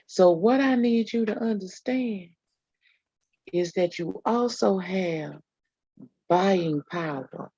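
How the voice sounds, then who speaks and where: A woman's voice: mid-range voice, slow pace, long pauses, mellow, slightly rough, no room sound, lo-fi sound. A woman co-hosting a casual podcast, emphatic and talking straight to listeners as y'all. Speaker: podcast co-host.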